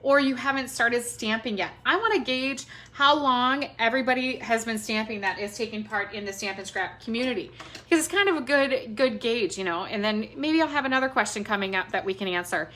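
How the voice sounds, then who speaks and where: Brisk and a little high, her bright voice carries a forceful tone and a Minnesota accent as this middle-aged host casually rambles through a craft livestream. She hails from Minnesota, United States, and is indoors at home in a roomy space, where a distant mic captures a roomy sound and faint noise.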